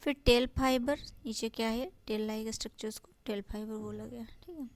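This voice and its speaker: A woman's voice: a little high, fairly even intonation. Woman teaching biology, Hindi and English. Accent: Indian. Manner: reads English lines slowly, then explains in Hindi; asks and answers her own questions. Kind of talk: exam-prep lesson.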